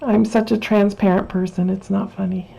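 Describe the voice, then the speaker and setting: A woman's voice: mid-range voice, little pitch movement, moderate pace, gravelly, warm tone, breathy edge, rough recording. A woman casually talking through a Bible journaling craft tutorial, chatty and rambling, with many fillers and restarts. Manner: chatty, rambling, self-correcting with frequent fillers.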